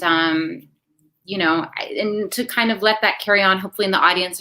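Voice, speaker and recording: Woman filmmaker, thoughtful, lower pitch, tense bright tone. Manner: thoughtful, reflective. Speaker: filmmaker guest. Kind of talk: answering in a panel Q&A.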